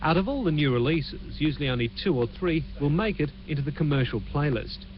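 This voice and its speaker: A man reporting an entertainment news story on TV, heard through a low quality stream of the broadcast. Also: lively intonation, muffled recording. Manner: measured, clear scripted delivery. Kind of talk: TV news report narration with chat to the anchor.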